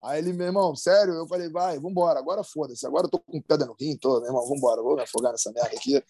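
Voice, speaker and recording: A man's voice: on the high side, very fast, mellow, breathy edge, no echo, clean studio sound. A man, a professional big-wave surfer, telling a story in casual, slang-heavy talk, with many restarts and sound effects. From Brazil. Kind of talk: casual storytelling in a podcast chat.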